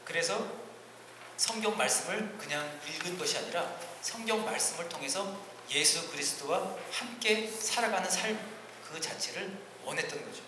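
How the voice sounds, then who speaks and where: A male pastor with a fairly high voice gives a teaching sermon at normal speed, earnestly pushing phrases upward with force before dropping into quiet asides. The echoey church hall leaves a long reverberant tail, along with steady hiss and distant ambient noise.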